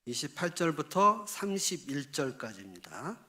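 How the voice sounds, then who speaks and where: A male pastor delivers a Sunday sermon in a bright, fairly high voice that swings widely in pitch. He reads scripture at a slow, measured pace. He then bursts into animated exclamations and puts rhetorical questions to his listeners. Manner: asks the congregation rhetorical questions.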